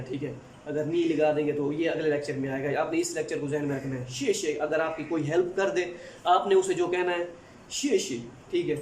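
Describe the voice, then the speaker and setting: A man with a Pakistani Urdu accent teaching a recorded language lesson, patiently repeating each word slowly, recorded in an echoey room. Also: on the high side, a little mellow. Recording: echoey room with faint noise.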